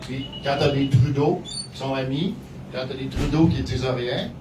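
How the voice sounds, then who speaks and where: A man's voice: medium pitch, moderate pace. A man with a Quebec French accent speaking informally as a political representative in a public discussion. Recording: echoey, noisy, distant microphone.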